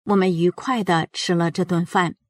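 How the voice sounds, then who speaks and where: A woman, reading aloud a personal story in an earnest, measured way. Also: on the low side, steady tone, no room sound, clean studio sound. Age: 70s. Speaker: narrator of a personal account.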